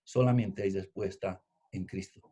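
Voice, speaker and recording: A man preaching a sermon, emphatic, repeating key phrases and swinging between loud and hushed delivery. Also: sits low, steady tone, measured pace, breathy edge, dull audio. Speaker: pastor.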